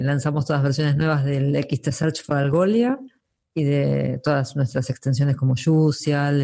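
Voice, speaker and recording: A podcast co-host, talking in a quick, informal way and cutting in. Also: mid-range voice, vocal fry, darkish tone. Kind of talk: casual podcast chat.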